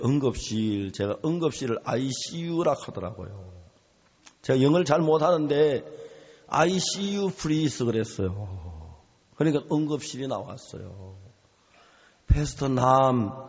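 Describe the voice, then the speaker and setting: A man's voice: medium pitch, a little mellow. A male pastor preaching a sermon, telling a story with animation and acting out the voices of the people in it. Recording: reverberant hall, dull lo-fi sound.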